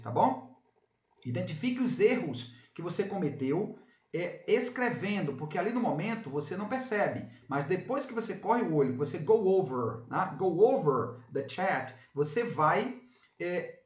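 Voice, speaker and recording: A Brazilian man with a fairly high, very animated voice, teaching English to his viewers. He repeats points and keeps checking that they follow. The sound is a little dull and the room echoes. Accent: Brazilian Portuguese. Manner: repeats himself, tags phrases with "tá bom?". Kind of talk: video lesson, casual explaining.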